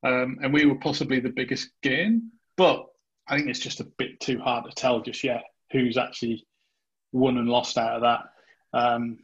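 Casting: male podcast host, husky edge, casual and hesitant, muffled recording. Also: mid-range voice, steady tone, normal speed. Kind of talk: casual interview chat.

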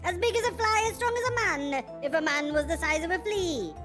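A woman's voice: very high voice, lively intonation, fairly quick, music in the background. A woman playing a grandiose flea circus showman, announcing theatrically in a comedy sketch. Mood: grandiose, proud.

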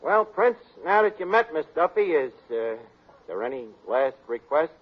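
An actor playing a brash, wisecracking, scheming tavern manager in a 1940s radio comedy. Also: male voice, a little high, big pitch swings, normal speed, narrow, tinny audio, slight background noise. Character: fast-talking scheming male tavern manager. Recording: old radio broadcast with audience.

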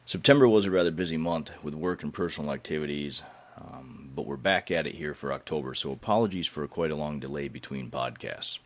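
Really deep guy hosting a podcast, reading an intro, scratchy hoarse throat from a cold. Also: fairly quick. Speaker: podcast host. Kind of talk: scripted podcast introduction narration.

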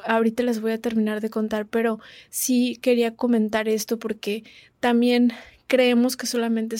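A woman's voice: fairly high pitch, darkish tone, no room sound, studio quality. A woman, earnestly telling a personal story in a casual, reflective way and acting out what others said. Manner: earnest, reflective, acts out quoted lines.

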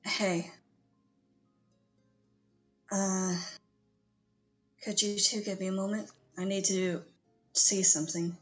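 A woman chats casually as a player in a tabletop role-playing game. She takes her time, speaking slowly at a medium pitch with faint music behind. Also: flat delivery.

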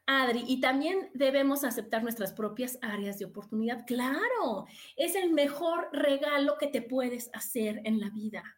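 Lively high-voiced woman talking. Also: moderate pace. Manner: expressive, repetitive, acts out quoted dialogue. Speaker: podcast host. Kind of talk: casual self-help talk.

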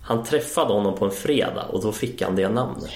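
Male radio host, relaxed quizmaster, echoey room. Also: lowish voice. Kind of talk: quiz and interview.

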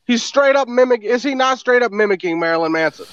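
A man's voice: extremely high pitch, lively intonation, fast talker, crowd noise. A man co-hosting a podcast in casual banter, blunt and scornful, swearing heavily. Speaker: podcast co-host. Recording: dull lo-fi mic.

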